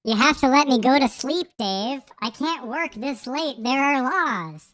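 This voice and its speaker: A man on a comedy podcast talking through a pitch-shifting chipmunk microphone, putting on a mock-whiny, ranting squeak. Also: lively intonation, measured pace, a bit bright, exaggerated voice. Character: squeaky sped-up chipmunk, cheeky and silly.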